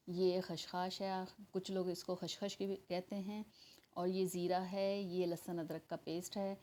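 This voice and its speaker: A woman's voice: lowish voice, warm tone. A woman with a Pakistani Urdu accent hosting a home cooking channel, chatting through a recipe step by step and speaking straight to her viewers. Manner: chatty, explains step by step, addresses viewers directly. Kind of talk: casual cooking tutorial voice-over.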